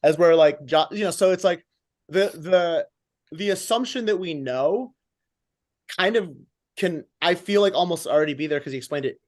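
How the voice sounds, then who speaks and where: A man's voice: on the high side, normal speed, darkish tone. A man judging in a casual panel debate, disagreeing politely and hesitantly. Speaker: competition judge.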